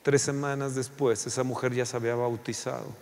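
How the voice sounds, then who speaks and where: A man preaching a passionate sermon, swinging between loud outbursts and hushed storytelling. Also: medium pitch, flat delivery, brisk, big-room sound.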